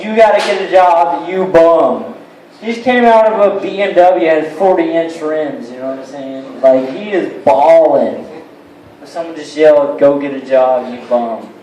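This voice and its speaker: A man's voice: a little high, darkish tone, echoey room, rough recording. A young man doing a rambling, crude, self-mocking stand-up set at an open mic in a bar. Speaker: stand-up comedian. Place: bar with a live crowd.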